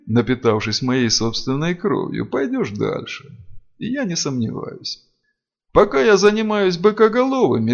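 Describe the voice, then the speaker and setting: A man voicing a stern male dark mage lord who speaks in a commanding, cutting way. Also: fairly high pitch, gravelly, voice pushed up, full character voice. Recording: dull lo-fi audio.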